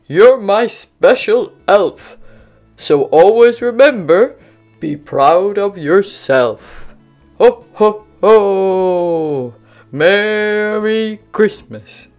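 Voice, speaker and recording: Woman as kindly old storybook Santa figure, booming, hearty, drawn-out delivery, lively pitch. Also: soft background music. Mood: jolly, grateful. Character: big jolly, kindly old Santa Claus. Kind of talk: children's storybook read-aloud.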